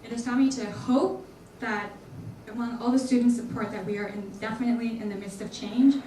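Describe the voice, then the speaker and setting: A young woman from Hong Kong gives an earnest welcome speech as a student organizer. Her voice is mellow and sounds distant, echoing through a large hall. A faint hum of room noise sits underneath. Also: a little high, fairly even intonation, fairly quick. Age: young adult. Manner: earnest, slightly nervous. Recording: echoey hall from far off.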